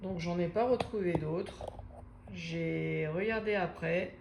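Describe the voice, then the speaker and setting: A woman in her forties talks unhurriedly to her viewers about her craft projects in a relaxed, chatty way. Her voice sits fairly low, and she hesitates often, filling pauses as she thinks. A faint hiss runs underneath. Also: gravelly. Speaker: craft vlogger. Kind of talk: casual chat to camera.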